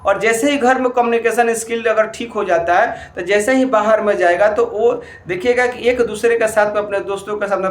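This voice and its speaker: A man's voice: sits high, echoey room. A man teacher giving parents step-by-step advice in a classroom-style talk, often saying "look" and restarting his sentences. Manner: repeats "dekhiye" often, talks in steps with restarts. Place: room with a board.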